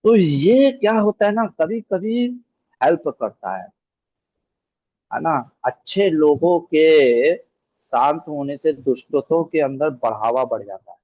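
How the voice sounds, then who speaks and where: A man's voice: fairly high pitch, expressive, takes it slowly, no echo, highs cut off. A man giving a scripture discourse, telling the story with animation and acting out the quoted lines. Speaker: scripture teacher.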